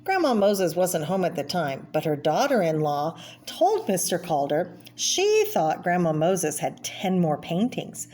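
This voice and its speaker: Lowish and darkish, with wide swings in pitch and a slight hiss or hum, a woman reads a children's picture book aloud. She presents it for young listeners, stopping to name what's pictured and comment casually.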